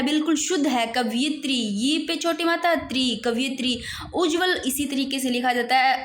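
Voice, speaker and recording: A woman with a high, bright voice teaches an exam-prep spelling lesson, repeating each word slowly and patiently. Her voice rings in a roomy, echoey space. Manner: explains patiently, repeats words slowly, addresses students as brother. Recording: echoey room.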